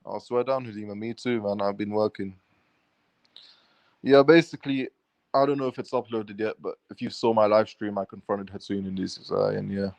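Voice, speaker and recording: A vlogger recounts a run-in to viewers in casual, rambling fashion, swearing freely and running on restlessly. His fairly low voice is creaky and darkish, with a steady tone and a slightly fast pace, and the recording has no echo.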